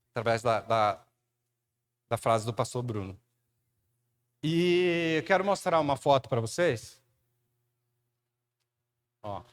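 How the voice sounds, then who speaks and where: A man with a Brazilian Portuguese accent telling a church testimony, animated storytelling with frequent tag questions. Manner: animated storyteller, acts out quotes with rising pitch; addresses a listener by name and tags lines with "né". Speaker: church speaker giving testimony.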